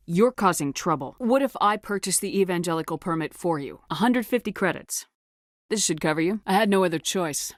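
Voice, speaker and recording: A very dry, studio-clean recording of a woman acting as a female space commander for a video game. Her voice sits on the low side and stays controlled and direct. She sounds resolute and authoritative, with no nonsense about her. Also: no echo, lightly acted. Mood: firm, reasoning.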